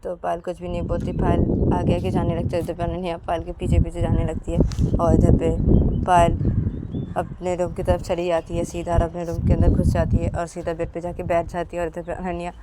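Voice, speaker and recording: A woman's voice: fairly low pitch, completely flat delivery, a little fast, heavy background noise. A woman telling a romantic story in casual narration, linking each step with the same connecting phrase. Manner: repetitive linking with "to tabhi".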